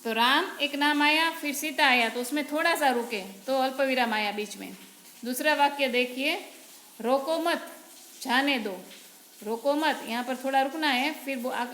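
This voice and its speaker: High-voiced woman teaching grammar. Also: fairly bright tone. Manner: patient, explains step by step, often says "barabar". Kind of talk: Hindi grammar lesson. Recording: echoey room with faint noise.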